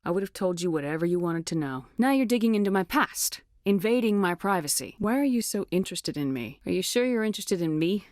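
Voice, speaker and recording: An actress playing a resolute, blunt military space commander in a video game, speaking in a controlled, direct way. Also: female voice, mid-range voice, lively intonation, brisk, few pauses, a little mellow, no echo, clean studio sound, lightly acted. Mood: defensive, irritated. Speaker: voice actor for a game's lead character. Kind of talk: scripted game dialogue.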